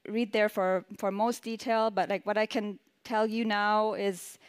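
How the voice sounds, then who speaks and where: A woman's voice: mid-range voice, flat delivery, unhurried, smooth, no room sound. A woman panelist answering an audience question and explaining her team's work. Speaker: panelist, journalist.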